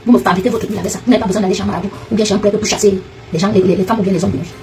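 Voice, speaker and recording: Heated woman commentator, rapid delivery, slightly distant mic. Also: mid-range voice, steady tone, music in the background. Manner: fast, confrontational, addresses a rival directly. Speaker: online commentator. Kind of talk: heated direct-to-camera rant.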